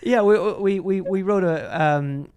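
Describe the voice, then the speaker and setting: A man serving as podcast host and interviewer leads a casual, conversational interview, enthusiastic and rambling, often repeating himself. His voice is high, unhurried, darkish and resonant, and the recording is clear.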